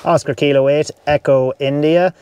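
An Irish man on a field activation chats over the air as a ham radio operator from his camper van, spelling call signs phonetically in an upbeat, friendly way. His voice is fairly high and steady at a moderate pace, with heavy background noise behind the casual radio talk.

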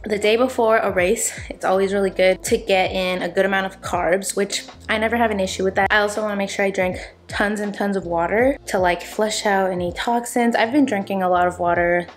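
A young adult woman talks to her camera at home in a casual, candid way. Her voice sits at a middle pitch. She is conversational and a little self-deprecating, like a personal vlog recorded in a kitchen. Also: steady tone, brisk, soft background music. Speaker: vlogger. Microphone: camera at about arm's length.

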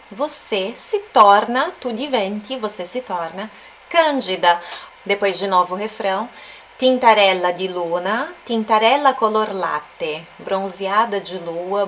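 A woman's voice: medium pitch, a bit bright, a little hiss or hum. Woman teaching Italian through a song. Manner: explains slowly, repeats words and checks in with tag questions. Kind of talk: language lesson analyzing a song.

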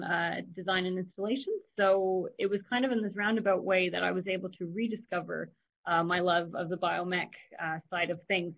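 A young Canadian-accented woman gives a casual engineering talk over a video call, chatty and dropping frequent ums. Her lowish voice has vocal fry, and the audio from her laptop webcam is poor.

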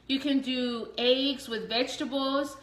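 A woman in her thirties chats to a counter camera in her home kitchen, walking through her meal prep in a casual, coaching way. She repeats herself and slips into friendly preaching about exercise. Her voice sits slightly high, and the kitchen gives it a roomy echo. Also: steady tone, a little slow. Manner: chatty, repetitive, preachy encouragement. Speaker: fitness coach vlogger. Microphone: camera on the counter in front of her. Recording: echoey kitchen.

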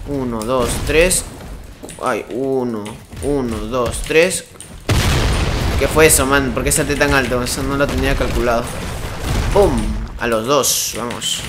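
A man giving excitable live gameplay commentary, yelping and exclaiming as things happen in the game. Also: medium pitch, measured pace, noisy background. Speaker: gaming streamer.

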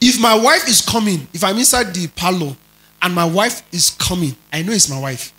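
Male pastor for a sermon. Lifted high pitch, dramatic delivery that swings from soft asides to shouted lines, calls out questions to the room. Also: normal speed, low-quality recording. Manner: dramatic preaching, shifts between soft asides and shouted emphasis; asks the congregation questions.

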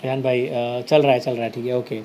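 A man's voice: medium pitch, flat delivery, fairly quick, a little mellow, slight background noise. A man from Uttarakhand hosting a casual live stream, reading viewer comments aloud and answering them with easygoing reassurance. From Uttarakhand, India. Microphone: headset.

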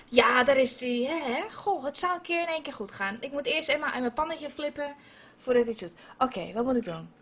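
Bright high-voiced woman playing a game. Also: expressive, a little fast, husky. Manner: chatty, swears often, mixes in English phrases. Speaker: gaming video host. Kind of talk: casual gameplay commentary. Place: indoors at a computer, wearing headphones.

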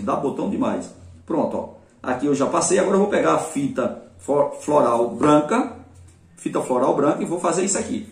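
Chatty craft teacher in a roomy space. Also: male voice, medium pitch. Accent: Brazilian Portuguese. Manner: chatty, addresses viewers as "gente" and praises his work. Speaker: craft instructor. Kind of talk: casual step-by-step craft tutorial. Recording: roomy sound from a mic at a distance.

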